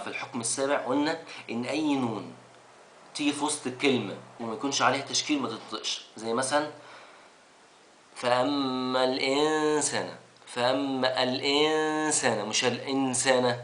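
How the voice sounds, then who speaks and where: A man teaching Quran recitation rules, rushing through recaps and stretching out the recited verses slowly. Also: medium pitch, steady tone, fairly bright tone, reverberant, a little hiss or hum. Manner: quick recaps broken by slow drawn-out recitation of verses. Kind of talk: tajweed lesson recap.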